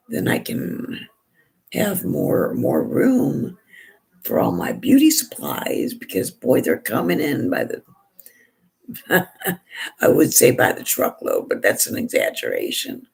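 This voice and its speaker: A hoarse woman with a gravelly, raspy voice, chatting in a rambling way and restarting often while she does her makeup for a vlog. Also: a bass voice, a little mellow. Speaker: beauty vlogger. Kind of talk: casual chat while doing makeup.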